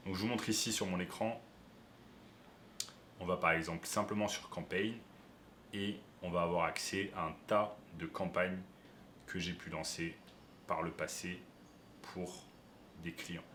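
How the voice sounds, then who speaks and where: A man's voice: low voice, fairly even intonation, unhurried, pauses often, fairly bright tone, roomy sound, a little hiss or hum. A man who coaches online business, explaining step by step to viewers during a screen-share tutorial.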